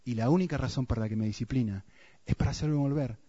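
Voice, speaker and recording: A man with a Rioplatense Spanish accent preaching a sermon, dropping to hushed emphasis and then rising into urgent, repeated phrases. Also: mid-range voice, quick pace, husky, no room sound, muffled recording. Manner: swings between hushed emphasis and raised, urgent repetition.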